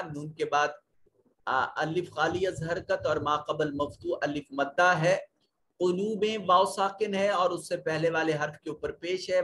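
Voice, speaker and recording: A man's voice: a little high, a bit bright, slight background noise. A man teaching Quran recitation rules, explaining each letter and rule step by step in a methodical way. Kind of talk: tajweed lesson explaining rules.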